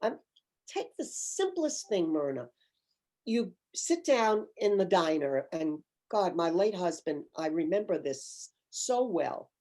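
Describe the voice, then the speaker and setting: A woman's voice: lowish voice, sing-song, takes it slowly, mellow. An older woman, an author, talking thoughtfully in an interview over a video call, telling stories with emphasis. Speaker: author guest. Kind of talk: conversational interview.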